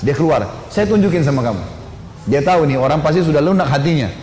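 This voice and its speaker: Man, preacher, storytelling sermon, acts out the characters, casual filler tags, slightly high voice, long hall reverb. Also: fast, faint music behind. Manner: animated storyteller who voices the figures in his story; casual, sprinkles his talk with filler tags. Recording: echoey hall with faint ambient noise.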